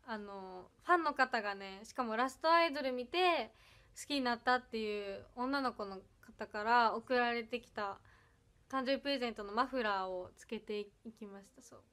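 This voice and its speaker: A young woman with an Ehime Iyo accent tinged with Kansai chats on a casual livestream from her home. Her voice sits high, and she giggles a lot as she reads out viewer comments. Many of her lines fade off into a soft murmur. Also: moderate pace. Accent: Iyo dialect of Ehime mixed with Kansai. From Ehime, Japan. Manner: bubbly, giggly, often trails off softly. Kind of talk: casual birthday livestream chat.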